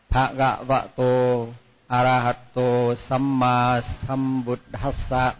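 A man teaching a chanting lesson, sounding each syllable slowly before chatting through pronunciation with small laughs. His voice sits somewhat high. The recording is dull and lo-fi, with a long hall reverb trailing behind him. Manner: slow repeated chanting of each word, then quick chatty explanation with light laughs. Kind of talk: chanting lesson with spoken explanation.

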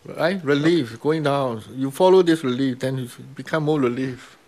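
A meditation teacher from Myanmar, a man with a Burmese accent, talks with his students in simple, broken English, repeating key words and often checking in with "right?". His mid-range voice is slightly mellow and moves at a normal speed.

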